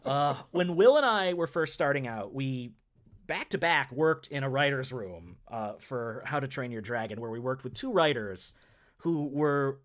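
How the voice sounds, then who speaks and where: Man, podcast co-host, rambling movie chat, laughs a lot, medium pitch. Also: expressive, a little slow. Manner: chatty, rambling, laughs while talking. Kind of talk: casual film-review chat.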